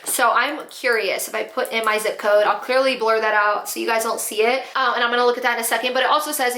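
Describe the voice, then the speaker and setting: A chatty young woman talks through what she finds as she clicks around online, curious and a little profane. Her voice is fairly high and bright, and it bounces around an echoey room. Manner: chatty, curious, swears casually. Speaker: YouTuber reading viewer stories. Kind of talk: casual commentary while browsing a website.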